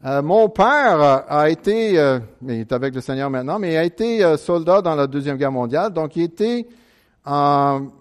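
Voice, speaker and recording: An earnest American man from the Chicago suburbs preaches a sermon in French, speaking with an American English accent. His voice is a little high, expressive, clear, and resonant, and his delivery is prayerful and halting, with many restarts.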